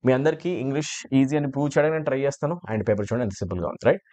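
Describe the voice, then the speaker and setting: Lively male English teacher. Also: mid-range voice, rapid-fire. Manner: animated, mixes Telugu with English, keeps asking "right?". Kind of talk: exam answer-key lesson.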